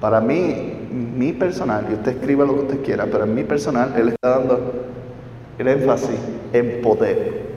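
A man's voice: mid-range voice, moderate pace, dark tone, a little hiss or hum. A man teaching a Bible study class, explaining step by step and checking in with his listeners through questions. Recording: roomy hall, distant mic, dull.

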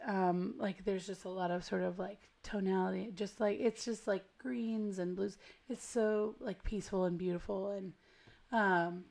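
An American woman hosting a podcast with casual, rambling, slangy chat, her gravelly voice hoarse and smoky from a cold. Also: medium pitch, darkish tone. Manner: chatty, rambling, self-deprecating, slangy. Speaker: podcast host. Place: at home.

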